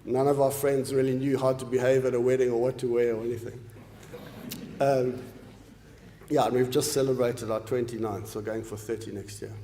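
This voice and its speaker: A man's voice: medium pitch, level tone, normal speed, dark tone, slight background noise. Man from zimbabwe, late 40s, academic lecture, earnest with ums and restarts, roomy echo, long hall reverb. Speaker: professor giving an inaugural lecture.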